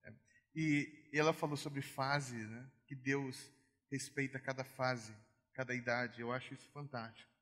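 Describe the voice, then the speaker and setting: A man preaching in a conversational way, telling stories with animated acted-out voices. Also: medium pitch, unhurried, big-room sound. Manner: animated storytelling, acts out voices. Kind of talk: conversational sermon.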